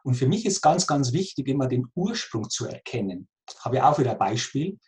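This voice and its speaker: Brisk, sing-song, and a little mellow, this forty-something interview guest carries the accent of his native Lower Bavaria in Germany. He describes his work in an earnest, conversational way, driving points home by repeating phrases.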